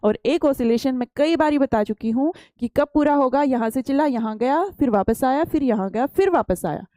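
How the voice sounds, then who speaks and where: A woman's voice: high voice, moderate pace, dark tone, no echo. A woman teacher giving a science lesson, explaining patiently and asking the pupils questions, then answering them herself.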